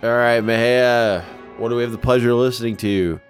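A man's voice: mid-range voice, fairly even intonation, brisk. A man hosting a music podcast, easygoing and joking as he moves the talk between segments. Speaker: podcast host. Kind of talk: casual chat about music.

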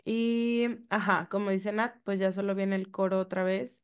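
A woman's voice: mid-range voice, steady tone, smooth. A woman with a Mexican accent co-hosting a casual podcast, walking through song lyrics and singing bits of them. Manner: slow, singing lyric snippets. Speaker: podcast co-host.

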